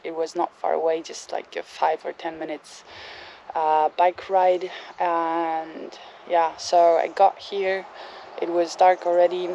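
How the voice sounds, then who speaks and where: A woman's voice: lowish voice, mellow, a little hiss or hum. A woman telling a story in a casual vlog from a campsite, hesitant with lots of fillers. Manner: hesitant, many fillers and restarts. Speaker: bicycle traveler vlogger. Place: outdoors at a campsite.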